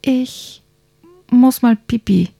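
A woman's voice: a little high, extremely slow, creaky, dark tone, dry recording, clean studio sound, voice pushed up, exaggerated voice. A woman voicing a small boy prince in a read-aloud children's story, pleading that he needs the toilet. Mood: urgent whining. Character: whiny little boy prince desperate to pee.

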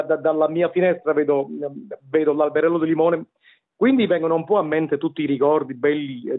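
Higher-voiced Neapolitan man on tinny phone. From Naples, Italy. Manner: hesitant, wordy, repeats words. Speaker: interview guest, tenor and vocal coach. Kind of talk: casual interview storytelling. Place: remote call to a radio show. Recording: tinny phone-line radio call.

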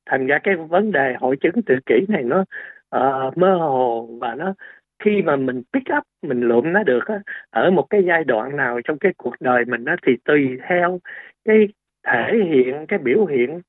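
A man whose voice is a little high speaks as a doctor guest on a radio interview, heard through a tinny, phone-like line in a dry recording. He explains things hesitantly, often using fillers and restarting his sentences.

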